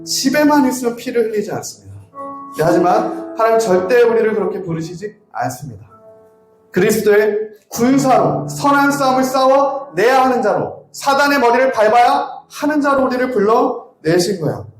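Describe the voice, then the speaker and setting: A man preacher giving a sermon that builds into impassioned, shouted prayer. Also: extremely high pitch, animated, moderate pace, echoey room, faint music behind. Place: church sanctuary.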